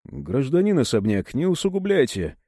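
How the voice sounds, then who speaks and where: A man voicing a calm, composed male plainclothes officer who speaks in a flat official tone. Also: medium pitch, moderate pace, breathy edge, no echo, clean studio sound. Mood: cool.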